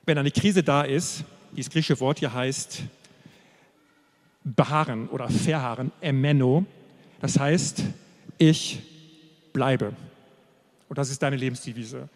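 A man preaching a sermon, emphatic and repetitive, slowing down to stress key phrases. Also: mid-range voice. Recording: long hall reverb.

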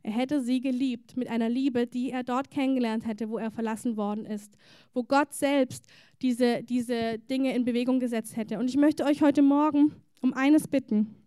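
High-voiced woman preaching a sermon. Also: steady tone, smooth, no echo, studio quality. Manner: voices God's words softly and tenderly; emphatic repetition, slowing for weight.

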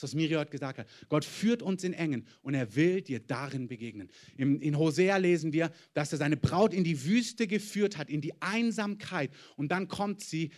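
A male pastor delivers a sermon with a slightly raised pitch. He moves between forceful, emphatic declarations and soft, confiding passages, addressing his congregation directly. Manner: emphatic preaching, swinging between loud declarations and hushed intimate asides.

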